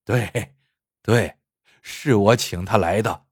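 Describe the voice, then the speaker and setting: A man's voice: fairly low pitch, takes it slowly, breathy edge, no room sound, clean studio sound, pitched below the performer's own voice, full character voice. A man voicing a jovial, kindly middle-aged male school principal who talks in a hearty, reassuring way. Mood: genial.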